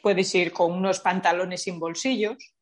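A woman's voice: fairly low pitch, steady tone, a little slow. Teasing woman co-host. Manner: teasing, playfully acts out little scenes. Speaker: podcast co-host. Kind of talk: casual chat.

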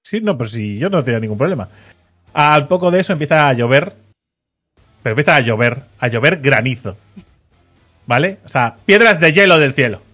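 A man's voice: medium pitch, expressive, a little fast, long pauses, sharp tone, soft background music. A man hosting a podcast, telling a story in casual chat, acting out the people he quotes with a teasing edge.

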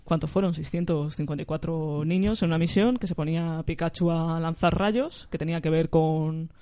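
A man chatting casually and in a relaxed way as a podcast co-host. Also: a little high, moderate pace, no echo. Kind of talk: casual chat.

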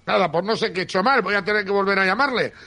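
A man with an accent from Spain presenting a sports radio show in a lively, informal, colloquial way, often repeating himself. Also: high-pitched, very fast. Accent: Spanish, from Spain.

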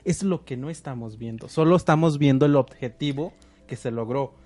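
A man co-hosting a psychology talk show, explaining points in a relaxed way with everyday examples. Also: mid-range voice, moderate pace, dry recording. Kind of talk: conversational talk-show discussion.

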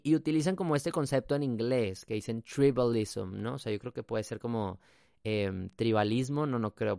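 Hosting a podcast, this Mexican-accented man drifts through a relaxed, thoughtful monologue, dropping in English phrases and tag questions. His medium-pitched voice is gravelly yet smooth and a little mellow. It's captured with studio quality and no echo.

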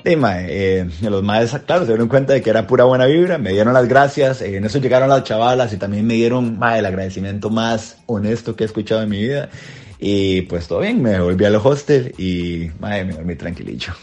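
A young Costa Rican man with a Costa Rican accent telling a personal anecdote casually, animated and full of slang. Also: lowish voice, a little fast, soft background music. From Costa Rica. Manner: animated, slangy, rising excitement in action. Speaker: storyteller.

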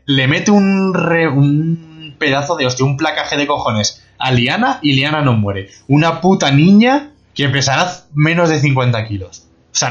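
A man's voice: mid-range voice, a bit bright. A man, a podcast host, ranting angrily and profanely about a TV episode in a slightly dull lo-fi recording with faint music. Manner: angry, profane, incredulous ranting. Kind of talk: ranting TV review.

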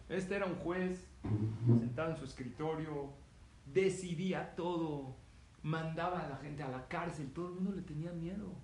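A man giving a religious lecture, telling stories with energy and putting questions to his audience. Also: fairly high pitch. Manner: lively storytelling, asks the audience questions. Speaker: rabbi lecturer. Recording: roomy hall with faint noise.

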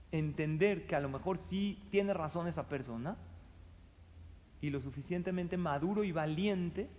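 A middle-aged man with a Mexican accent gives a conversational advice talk, acting out the quoted exchanges in a lively way. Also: a little high. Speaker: speaker giving advice. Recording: long hall reverb.

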